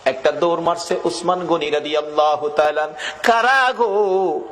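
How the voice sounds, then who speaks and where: A male preacher tells a story in a melodic, chanted sermon. His voice is high for a man and swings from low murmurs to shouted peaks. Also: little pitch movement, a little fast.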